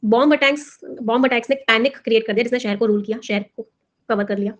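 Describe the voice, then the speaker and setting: A woman teacher with a slightly high voice runs an exam-prep lesson. She explains in Hindi mixed with words and keeps putting questions to her students. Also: quick pace, lo-fi sound. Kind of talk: classroom lesson.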